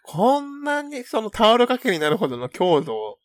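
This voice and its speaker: A man's voice: high voice, huge pitch swings, normal speed, no echo, clean studio sound, voice pushed up. A man playing a polite, haughty rich schoolgirl, hosting radio comedy and reading listener mail with genteel, affected speech. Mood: musing. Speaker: comedy radio show host.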